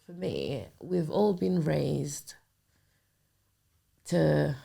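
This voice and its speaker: Low gravelly-voiced woman in her twenties. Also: lively intonation, very slow, warm tone. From Nigerian family. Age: 20s. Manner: candid, hesitant, trails off and restarts. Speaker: podcast host. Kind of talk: personal storytelling, casual confessional.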